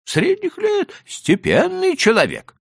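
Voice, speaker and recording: A man doing a high fretful horse trader. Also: huge pitch swings, slow, creaky, dry recording, clean studio sound, full character voice. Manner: high whining pleading voice. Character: timid anxious male horse trader, fretful. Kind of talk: audiobook character voice.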